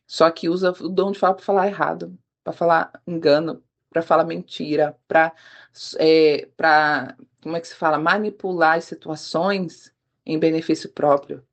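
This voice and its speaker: A woman delivers an unscripted devotional message. Her voice sits a little low, and she speaks earnestly, turning often to address her listeners directly. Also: fairly even intonation, normal speed. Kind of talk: spontaneous devotional talk.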